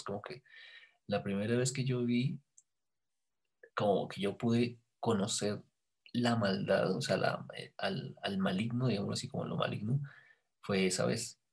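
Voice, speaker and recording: A man telling a personal story in a casual conversation, animated and dropping to a hushed voice at tense moments. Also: fairly low pitch, gravelly, breathy edge. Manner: animated storyteller, drops to hushed voice when quoting himself. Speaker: guest recounting an experience.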